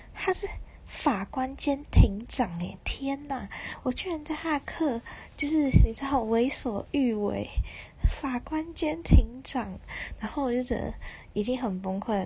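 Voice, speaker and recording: A young woman in her twenties with a Taiwanese Mandarin accent, telling a rambling personal story in a casual, often breathy near-whisper. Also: on the high side, moderate pace, mellow. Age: 20s. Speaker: university student podcaster.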